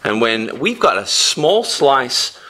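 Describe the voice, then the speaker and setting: A man's voice: mid-range voice, very animated, takes it slowly, sharp tone, poor audio. A man on the city council speaking emphatically but hesitantly at a meeting into a desk microphone. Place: council chamber at a dais.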